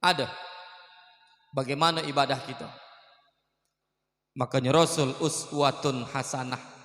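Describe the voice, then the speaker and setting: Animated preacher in an echoey mosque hall. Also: male voice, mid-range voice, a little slow. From Indonesia. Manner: animated storyteller acting out voices. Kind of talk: sermon storytelling.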